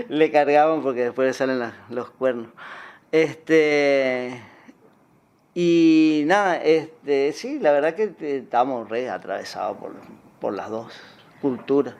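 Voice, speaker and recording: Animated man with a Misiones accent. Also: a little high, slow pace. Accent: Misiones Argentine Spanish. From Puerto Iguazú, Argentina. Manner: animated storytelling, acts out quoted dialogue, frequent fillers. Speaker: guest, puppeteer. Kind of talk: casual interview chat.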